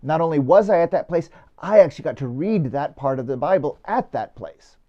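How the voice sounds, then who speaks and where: Man, priest, storytelling homily, conversational with fillers, mellow tone, lo-fi sound. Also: on the high side, expressive, fairly quick.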